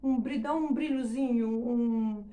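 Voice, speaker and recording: A woman's voice: on the high side, fairly even intonation, mellow, reverberant. A woman teaching English pronunciation in Portuguese, stressing words emphatically and checking in with frequent short questions. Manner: emphatic, drawn-out demonstrations of words. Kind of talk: explanatory lesson.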